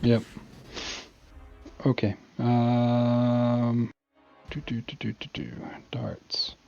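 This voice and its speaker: Un hombre que juega una partida de rol en línea, charla casual en voz baja, con un micrófono apagado y de baja frecuencia de muestreo. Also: male voice, mid-range voice, level tone, drawn-out words, vocal fry, a little mellow, muffled recording, faint music behind. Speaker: player in an online tabletop game. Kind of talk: casual game chat.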